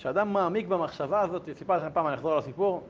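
A man who is a rabbi, giving a Torah lesson in a yeshiva in a lively, conversational way with humorous asides and questions to his students. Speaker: yeshiva rabbi teaching a class. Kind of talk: Torah lesson with a told anecdote. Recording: dull lo-fi recording with faint rumble.

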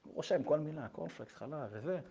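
A man telling a story expressively, acting out voices and swinging between loud and hushed. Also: fairly high pitch, animated, vocal fry, husky, dull audio. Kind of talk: animated spoken storytelling.

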